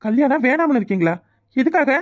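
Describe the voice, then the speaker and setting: Speaking fast and animated in a voice that sits high, a woman voices a cartoon character: a cheeky, balding village bachelor who keeps teasing and wooing. She uses a southern Tamil accent.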